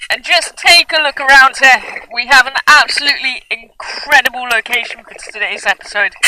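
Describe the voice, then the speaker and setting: A woman speaking through a full face dive mask underwater, presenting an educational reef broadcast as the upbeat underwater host. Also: sits high. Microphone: full face dive mask comms mic. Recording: noisy underwater mask mic with clicks.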